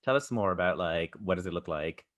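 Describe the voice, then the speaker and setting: A man's voice: low voice, expressive, fairly quick, fairly bright tone. A man hosting a podcast in casual chat, telling stories eagerly and chattily. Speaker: podcast host.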